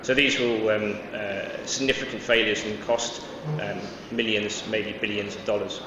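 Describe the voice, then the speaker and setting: The man from Wales giving this conference talk has a fairly low voice with little pitch movement and a normal speed, though he hesitates a lot, with frequent fillers and restarts. Picked up by a distant mic in a large hall, the audio is echoey, dull, and noisy.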